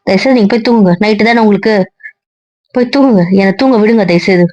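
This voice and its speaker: A woman's voice: medium pitch, fast talker, darkish tone, dry recording, dull audio, lightly acted. A woman playing a hurt young wife who speaks sarcastically and coldly to her husband on the phone, in an amateur audio drama. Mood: bitter. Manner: sarcastic, cutting.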